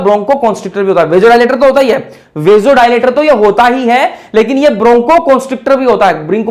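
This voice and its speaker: Young guy teaching biology, keeps asking "what is it?" and answering himself, quick and high. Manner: call-and-response questioning, repeating answers; casual, chatty asides. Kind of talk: exam-prep lecture.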